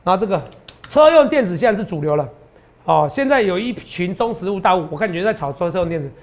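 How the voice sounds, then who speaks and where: Hoarse, boastful man talking fast and high. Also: expressive. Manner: boastful, emphatic, rhetorical questions. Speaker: stock market analyst host. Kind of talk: promotional market commentary.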